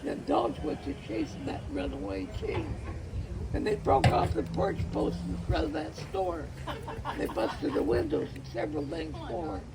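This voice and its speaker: A man with a folksy cowboy drawl, reciting rhyming cowboy poetry like a storyteller in a gravelly voice. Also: sits high, huge pitch swings, measured pace, heavy background noise.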